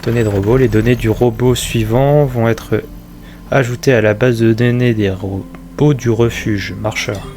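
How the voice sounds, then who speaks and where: A man's voice: mid-range voice, steady tone, unhurried, darkish tone, slight background noise. A man giving casual let's play commentary and reading on-screen game text aloud.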